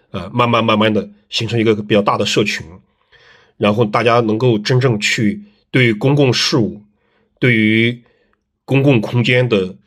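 A middle-aged landscape design teacher tells stories in a relaxed, casual interview, filling his speech with fillers and tag questions. His voice is mid-range and slightly rough.

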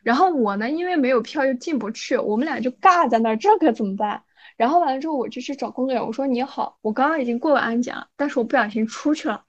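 A woman co-hosting a podcast, telling a story in a casual, animated way and often checking in with her listener. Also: high voice, fast talker, muffled recording. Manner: animated, frequent "你知道吧" asides. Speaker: podcast co-host.

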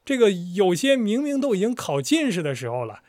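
A man with a fairly high voice walks through a piece of history in a casual chat. He talks with animation and drifts into a storyteller's rhythm. The sound is close and dry. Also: brisk, no echo. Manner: animated, slips into storyteller cadence. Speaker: podcast host explaining history.

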